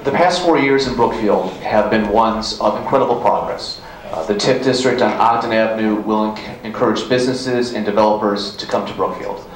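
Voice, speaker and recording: A man's voice: on the low side, moderate pace, few pauses. A man running for local office reads a prepared closing statement at a public forum. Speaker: village board candidate. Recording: very echoey hall, faint noise.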